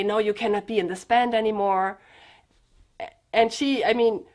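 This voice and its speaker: A young woman vlogger speaking earnestly and emotionally to her viewers, sharing a personal story and addressing them directly. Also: medium pitch. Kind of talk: personal confessional vlog.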